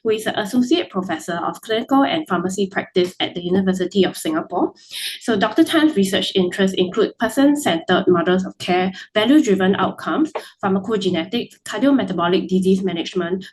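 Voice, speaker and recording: A woman's voice: medium pitch, a little fast, few pauses, darkish tone, slight background noise, rough recording. A woman moderating a webinar, reading formal introductions and tripping over names.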